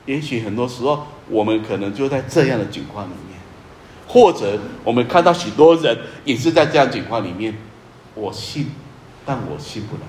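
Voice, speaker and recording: A male pastor preaching in an earnest, emphatic way, with a middle-pitched voice. He repeats key phrases and often sinks to a soft, low tone. The recording is echoey with a faint hiss. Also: expressive, brisk. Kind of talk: sermon.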